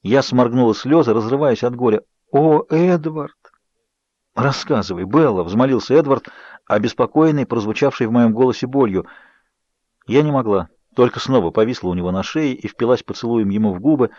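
A man reading an audiobook as scripted narration, expressive and measured. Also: mid-range voice, no room sound. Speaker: audiobook reader. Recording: dull, dry studio audio.

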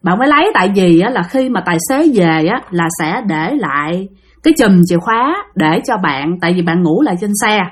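A woman's voice: medium pitch, big pitch swings, fairly quick. A woman with a Southern Vietnamese accent, narrating a ghost story in a chatty way and talking straight to her listeners. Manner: chatty, addresses listeners directly, acts out quotes.

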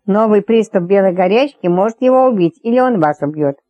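A woman's voice: mid-range voice, animated, a little fast, dry recording, muffled recording, lightly acted. A woman reading an audiobook, voicing a stern, blunt male doctor who speaks matter-of-factly.

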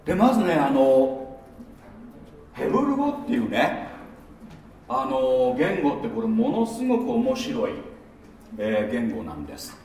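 A man's voice: medium pitch, wildly swooping pitch, unhurried, pauses often, a little mellow. A man teaching a church gathering in a chatty, casual sermon style with many fillers and asides. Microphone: no microphone, speaking in natural voice. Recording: very echoey room, voice from far off.

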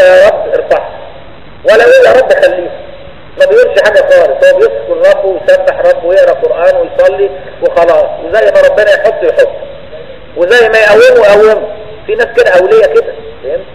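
A man's voice: high voice, reverberant, in a large hall, slight background noise, rough recording. A man with an Egyptian Arabic accent giving a colloquial religious lesson. He keeps asking his listeners whether they understood. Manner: conversational, keeps checking understanding. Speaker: religious teacher.

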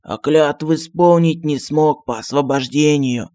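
A pompous old genie and royal stargazer, voiced by a man, fussy and easily offended. He swings between grumbling and grand declarations in a fairly high voice. A storybook figure with an odd, unusual timbre. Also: a little mellow, lightly acted. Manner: grandiose and touchy, flares up fast. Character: pompous excitable old male genie astrologer.

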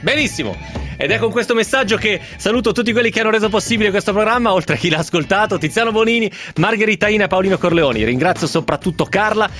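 Male radio host, lively dramatic reading over strong music bed. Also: sits high, fast talker. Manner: intense, building, expressive delivery. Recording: music playing under the voice.

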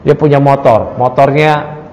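A man's voice: mid-range voice, fairly even intonation, measured pace, darkish tone, muffled recording. A man teaching a study-circle lesson on a creed text, reading Arabic lines and explaining them in casual, joking chat while quizzing his audience. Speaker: Islamic religious teacher. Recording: long hall reverb.

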